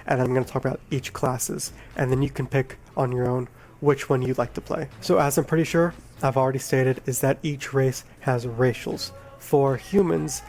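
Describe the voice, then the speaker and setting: Groggy man talking through a game guide. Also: medium pitch. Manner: relaxed, rambling, self-correcting explanations. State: groggy from being sick. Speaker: gaming video creator. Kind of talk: casual game guide talk.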